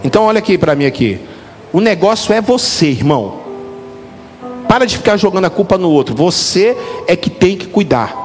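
A middle-aged man, a pastor, preaching a lively, joking sermon straight to his congregation. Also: high-pitched, a little fast. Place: church hall. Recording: reverberant hall with faint music.

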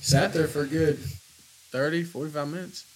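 A man's voice: fairly high pitch, steady tone, moderate pace, noisy background. A man with a Southern US accent, chatting casually on a podcast in a laid-back way. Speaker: podcast co-host. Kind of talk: casual chat.

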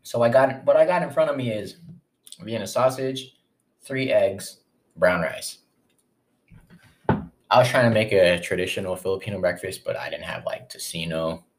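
A young man with a lowish voice rambles through a casual solo podcast. He swears easily and keeps drifting into asides. He is eating as he talks, so chewing sounds slip into his words. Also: normal speed, pauses often. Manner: talks while chewing breakfast. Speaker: podcast host.

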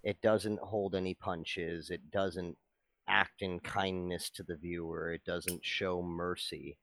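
A man with a very deep voice talks fluently and analytically in a casual chat. The sound is dry and close, with no room echo. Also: fairly even intonation, slow pace, gravelly, a bit bright.

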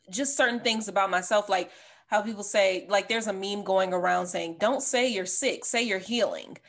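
A woman's voice: medium pitch, moderate pace, a bit bright. A woman co-hosting a casual film discussion, reflective and asking the others questions. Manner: reflective, asks the group questions. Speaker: podcast co-host.

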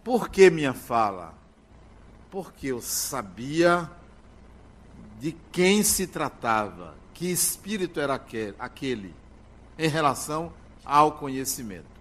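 An older man delivering a spiritual lecture, speaking slowly and emphatically with drawn-out words and pauses. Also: mid-range voice, very animated, fairly bright tone.

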